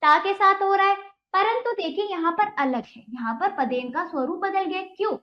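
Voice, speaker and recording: High-voiced woman teaching children. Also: moderate pace, reverberant, highs cut off. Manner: patient, asks pupils questions and answers them. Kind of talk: children's Hindi lesson.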